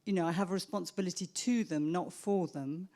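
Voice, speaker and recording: A woman speaks as a psychotherapist answering questions at a professional event. Her voice sits a little low, and she talks in a measured, reflective way, often restarting her sentences as she thinks. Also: dark tone.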